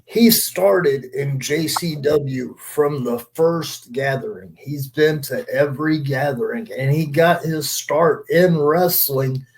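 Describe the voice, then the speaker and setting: A wrestler on a podcast panel gives his opinions earnestly and emphatically, repeating points to add weight. His voice sits a little high, and he speaks slowly with hardly any pauses.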